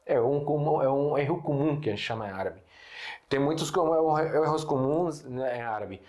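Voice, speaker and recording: Young male Arabic teacher with an Arabic accent, explainer type, mid pitch, roomy echoey recording. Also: brisk, a little mellow. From Syria. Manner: patient explaining, frequent self-corrections and rhetorical questions. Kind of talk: online language lesson. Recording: echoey room.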